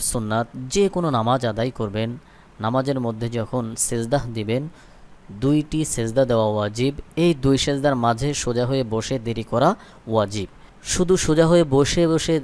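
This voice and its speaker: Speaking with a Bangladeshi Bengali accent in a medium-pitched, slightly mellow voice, a man teaches Quran recitation. Learners repeat after him as he first spells the syllables and then chants them slowly.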